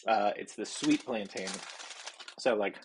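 A man, hosting a casual foodie snack review in a halting way, thinking aloud as he describes flavours. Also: lowish voice, a little hiss or hum. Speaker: food review host. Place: small indoor home office.

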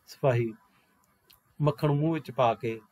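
A man's voice: mid-range voice, a little slow, a little mellow, no echo. A college lecturer, a man, reading a one-act play aloud, speaking the stage directions plainly and steadily.

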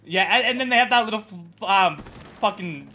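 A man streaming a video game live, chatting excitably and profanely with his viewers and friends. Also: high-pitched, moderate pace. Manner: excitable, profane, bantering with chat. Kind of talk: casual live-stream chat while gaming.

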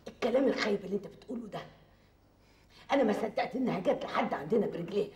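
A woman's voice: medium pitch, animated, rapid-fire, a little mellow, natural voice. An actress playing a scheming mother who pushes her son to win back a woman, with an Egyptian accent, scolding and urging. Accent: Egyptian Arabic. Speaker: actor in TV drama. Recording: roomy, slightly distant, faint noise.

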